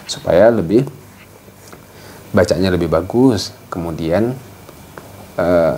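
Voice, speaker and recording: A man with a low, mellow voice walks his listeners through recitation rules, patient and explanatory. Now and then he slows into drawn-out chanted examples. A faint hiss sits under the recording. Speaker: Quran recitation teacher. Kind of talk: tajwid lesson with recited examples.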